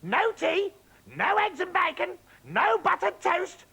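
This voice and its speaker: Man doing a horrid old grandmother, shrill, shouting, gravelly, bright. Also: very animated, a little slow, heavily acted. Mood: furious, scolding.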